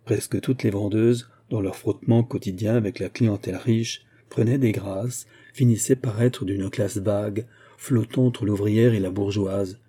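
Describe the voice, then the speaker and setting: Dark husky male audiobook narrator. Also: lowish voice, steady tone. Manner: measured, literary. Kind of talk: scripted narration of a classic novel.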